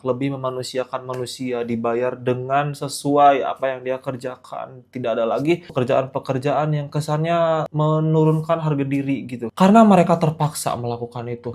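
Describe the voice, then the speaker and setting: A young man talks straight to his viewers in a relaxed vlog. His tone is earnest and reflective, and he drops casual slang into his talk. His voice sits at an ordinary pitch for a man. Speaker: vlogger host.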